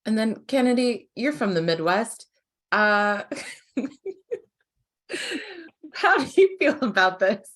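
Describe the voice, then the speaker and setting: A woman's voice: medium pitch, lively intonation, slow pace, pauses often, fairly bright tone. A woman hosting a casual panel chat, asking playful, teasing questions. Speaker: host, interviewer.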